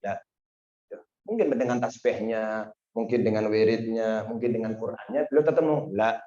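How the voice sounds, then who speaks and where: A man giving a sermon, telling a story and acting out its dialogue with sudden high exclamations. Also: normal speed, mellow. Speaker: preacher. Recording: dull, roomy lo-fi recording.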